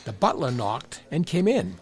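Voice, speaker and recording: An expressive male storyteller narrates a scripted children's story in a mid-range voice at a moderate pace. The recording carries a little hiss or hum.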